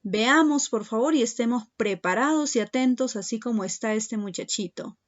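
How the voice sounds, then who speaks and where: A woman's voice: on the high side, moderate pace, muffled recording. A woman teaching a secondary school class in a recorded lesson, speaking patiently and addressing her students directly.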